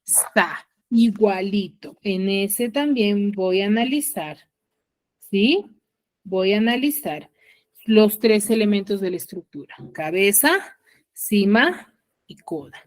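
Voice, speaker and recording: A woman teacher with a Peruvian Spanish accent leads an online class in a mid-pitched, everyday voice. She talks patiently, stressing and repeating the key terms. She keeps pausing to check that her students follow. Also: animated.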